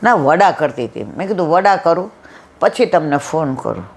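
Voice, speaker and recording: A woman's voice: low voice, normal speed, vocal fry. Woman, devotional satsang storyteller, acts out dialogue, slight background noise. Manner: lively storyteller acting out dialogue. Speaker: satsang speaker.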